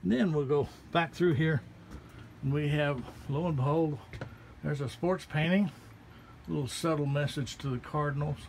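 Man, casual folksy gallery tour, slightly higher voice, faint background ambience. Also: moderate pace, vocal fry, a little hiss or hum. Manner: relaxed, folksy, pointing things out one by one. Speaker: artist giving a gallery tour. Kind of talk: casual walking tour narration. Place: small indoor art gallery. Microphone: handheld phone camera.

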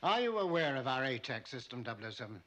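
Formal government man, stern, bright forceful tone, spy film. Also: mid-range voice, very animated, fast. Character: stern, formal British male government official. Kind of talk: film drama acting.

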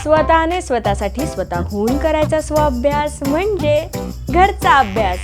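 A woman teaching a children's language lesson, speaking slowly and clearly and patiently reciting each sound. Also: sits high, animated. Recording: light background music. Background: light music.

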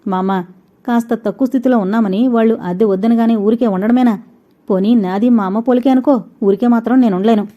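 A woman's voice: fairly high pitch, fairly quick, highs cut off, close to an everyday voice. A woman reading a patient young woman. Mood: pleading.

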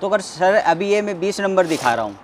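A man's voice: sits high, lively intonation, fairly quick, a little hiss or hum. A man selling wholesale clothes, politely listing sizes and prices and calling the buyer sir. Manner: polite salesman, lists sizes and prices, says sir often. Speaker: wholesale shopkeeper. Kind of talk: sales pitch.

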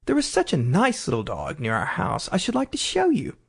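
Woman as an eager, high-pitched storybook little girl. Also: animated, moderate pace, vocal fry. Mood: eager chatter. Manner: earnest, eager, apologetic. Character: polite, eager, chatty little girl, quick to apologise.

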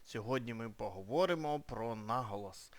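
A young man from Ukraine, an English teacher, explaining a lesson casually with frequent pauses and hesitations. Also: medium pitch, lively intonation.

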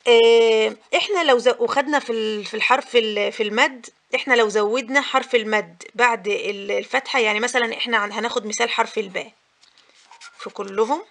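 A woman's voice: a little high, fast, fairly bright tone. A young woman with an Egyptian accent teaching a grammar lesson for mothers, patient and repetitive, with frequent filler sounds. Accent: Egyptian Arabic. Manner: patient, repeats key points, many filler "ah"s.

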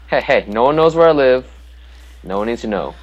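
A man's voice: mid-range voice, expressive, fairly quick, highs cut off, slight background noise. A young man co-hosting, throwing in teasing, sarcastic remarks. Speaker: co-host.

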